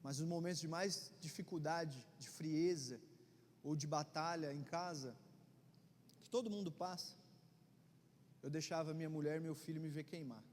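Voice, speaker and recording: A middle-aged Brazilian pastor with a Brazilian Portuguese accent preaches in a high, bright-edged voice. He talks to the congregation like a friend, then drops low and intense before building back up. The sound rings with the long reverb of a church hall over faint room hum. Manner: conversational preaching, swings between loud urgency and quiet intensity. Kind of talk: sermon.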